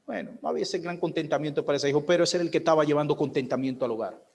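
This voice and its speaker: A man's voice: fairly high pitch, racing, creaky, slight background noise. A male pastor preaching a sermon, asking questions of the congregation and acting out the voices of a baby and its mother. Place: church hall. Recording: long hall reverb.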